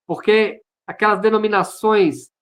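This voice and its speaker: A Brazilian pastor tells his testimony over a video call in a fairly high voice. He speaks earnestly and circles back on key words for emphasis. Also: measured pace, fairly bright tone. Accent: Brazilian Portuguese. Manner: earnest storyteller who repeats phrases for emphasis. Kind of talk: personal testimony in an online service.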